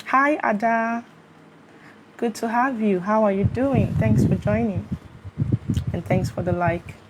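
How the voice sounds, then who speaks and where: A Nigerian woman hosts a live stream on her phone, chatting casually, greeting viewers and checking that they can hear her. Her voice is medium in pitch and slow-paced, with steady fan noise in the background.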